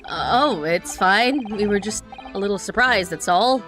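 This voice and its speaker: A woman's voice: medium pitch, expressive, moderate pace, over music, close to an everyday voice. A woman voicing a courteous, unsure young male rookie lawyer in a video game. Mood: awkwardly polite. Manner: hesitant, courteous.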